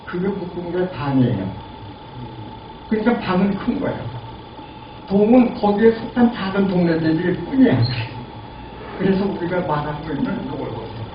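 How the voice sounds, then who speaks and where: A man in his eighties giving a lively lecture and asking the audience questions. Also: sits high, normal speed, long pauses. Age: 80s. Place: lecture room. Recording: lo-fi, echoey, distant, noisy.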